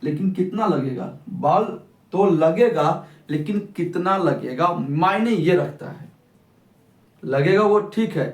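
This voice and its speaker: A young man teaching a physics class, who keeps asking questions and answering them himself. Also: sits high. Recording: echoey room, mic at a distance.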